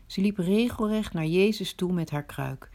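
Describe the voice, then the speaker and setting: A woman telling a dramatic first-person story, swinging between hushed asides and indignant outbursts. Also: fairly low pitch, normal speed.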